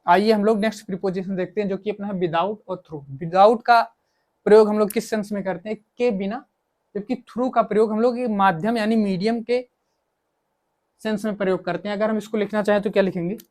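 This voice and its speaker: This man's voice is high-pitched and a little mellow, moving fairly quickly with fairly even intonation. He runs a coaching lesson on English grammar in Hindi, using English examples, and tends to repeat himself and pose questions he then answers.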